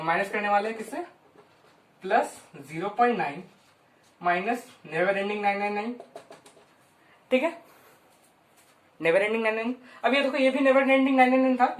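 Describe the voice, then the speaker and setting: A woman teaching a maths lesson at a whiteboard in a chatty way, drawing out long strings of digits slowly and checking in with her students often. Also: fairly high pitch. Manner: chatty, keeps checking in with "ठीक है" and "हाँ"; slows right down to spell out long strings of digits. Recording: roomy, voice from some distance.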